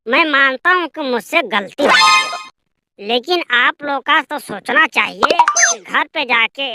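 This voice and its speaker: A woman voicing squabbling small-town men in a cartoon, scolding and bickering coarsely. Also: sits high. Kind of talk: cartoon voice acting. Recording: loud background noise.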